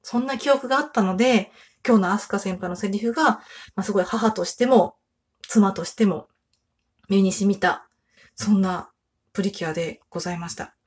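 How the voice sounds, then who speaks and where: A woman's voice: mid-range voice, fairly quick, a little mellow, husky. A woman in her thirties, a mother hosting her own podcast, chatting casually and animatedly with frequent laughs. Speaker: podcast host. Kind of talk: casual solo chat.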